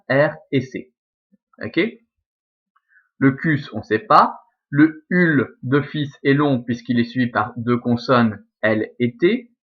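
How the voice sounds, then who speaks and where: A man's voice: medium pitch, highs cut off. A man teaching a Latin class from a recording, explaining step by step and often checking with "ok?". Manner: explanatory, checks understanding with frequent "ok?" and "d'accord?". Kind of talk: recorded remote lesson.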